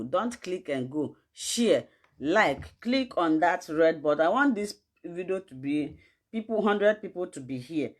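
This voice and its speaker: A woman with a West African, Nigerian accent giving an informal livestream health lesson, addressing viewers directly and emphatically with rhetorical questions. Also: deep voice. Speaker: online health teacher.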